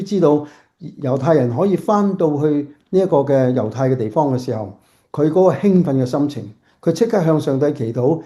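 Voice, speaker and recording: A man pastor giving a sermon from home, halting and restarting often. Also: on the high side, mellow.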